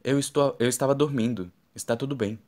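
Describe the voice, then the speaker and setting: A man's voice: mid-range voice, fairly quick, a little mellow, close to an everyday voice. A man voicing a young woman and mother in an audiobook, speaking her lines in his own plain reading voice. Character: young woman, mother, first-person heroine.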